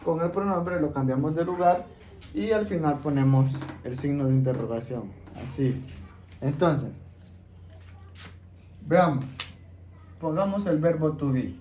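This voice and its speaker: A man teaching an English class, explaining each step slowly and patiently and checking in with his students. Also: fairly high pitch, warm tone. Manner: patient, repeats steps, checks in with "¿ok?". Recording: echoey room, faint background noise.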